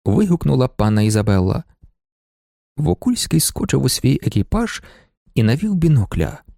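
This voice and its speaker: A male audiobook narrator with a gravelly, dark voice that rises and falls lively through the sentences. He reads a classic novel expressively, recorded dry and close with no room sound. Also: medium pitch, normal speed, no echo. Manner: animated, expressive reading. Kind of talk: scripted literary narration.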